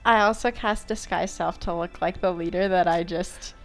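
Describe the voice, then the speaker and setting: A woman's voice: lowish voice, fairly even intonation, normal speed, soft background music. Giggly woman player at a tabletop game. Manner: giggly, eager. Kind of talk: casual tabletop play.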